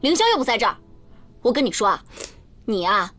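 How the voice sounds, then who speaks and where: An actress in a TV drama playing a brash, sharp-tongued woman lecturing her crying friend. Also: a little high, very animated, brisk, soft background music. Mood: bossy. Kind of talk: TV drama acting.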